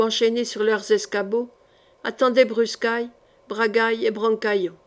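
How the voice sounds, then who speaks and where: A woman narrating a historical novel as an audiobook, measured and expressive. Her voice sits a little high, clear and steady over long passages. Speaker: audiobook reader. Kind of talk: reading a historical novel aloud.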